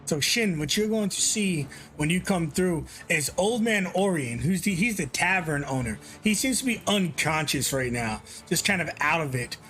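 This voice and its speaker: Game master, male, bright higher voice, lively scene narration, faint music under. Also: normal speed, few pauses.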